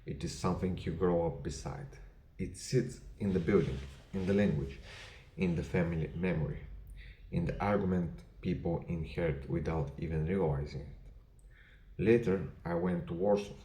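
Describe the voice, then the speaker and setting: Speaking directly to camera in a personal address, a Bulgarian-accented man who isn't a native English speaker discusses his history channel. His deep, warm voice, heard in a roomy space, comes out in measured, deliberate short phrases with minor grammatical errors.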